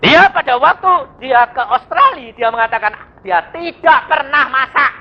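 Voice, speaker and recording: Male evangelist, lively sermon storyteller who acts out voices, dull lo-fi recording. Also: extremely high pitch, normal speed. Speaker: evangelist preacher.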